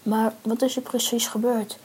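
A woman doing a calm helpful rescuer man. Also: on the high side, moderate pace, a little hiss or hum, natural voice. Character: helpful male stranger rescuer.

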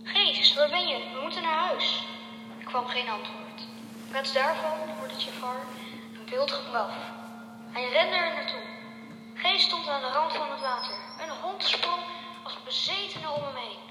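A woman's voice: sits high, a little slow. A woman reading a story aloud with care, sometimes stumbling over a word and correcting herself. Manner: careful reading with small slips. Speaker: reader. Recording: echoey hall, faint hum.

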